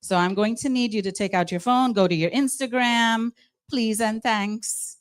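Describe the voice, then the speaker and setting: A Guyanese woman with a matching accent serves as mistress of ceremonies at a live charity evening, lively and coaxing the crowd along. Her voice sits on the high side, and she talks at a normal speed.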